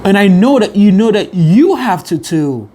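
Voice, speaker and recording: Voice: mid-range voice, very animated, normal speed, warm tone, a little hiss or hum. An earnest motivational vlogger talking to the camera, often repeating and restarting phrases as they push on.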